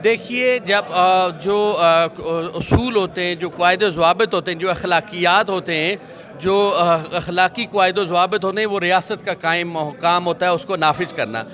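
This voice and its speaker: A male religious scholar answering a reporter outdoors, speaking in a measured preaching cadence and citing scripture. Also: high voice, fairly even intonation, a bit bright. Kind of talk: street interview answers.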